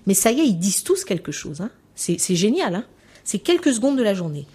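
A woman giving a lecture on children's language, mid-pitched and conversational. She talks informally to her audience, filling her points with small tag words. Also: sing-song, a little fast, warm tone, slightly rough. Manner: chatty, leaning on "hein" and "voilà". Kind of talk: spoken lecture with anecdotes.

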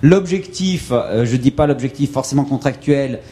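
A man giving a brisk, explanatory seminar presentation. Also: medium pitch, mellow. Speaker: conference presenter.

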